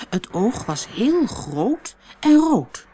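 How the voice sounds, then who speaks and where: A woman narrating a fairy tale for an audiobook in a slow, expressive reading style. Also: on the high side, a little hiss or hum. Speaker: storyteller.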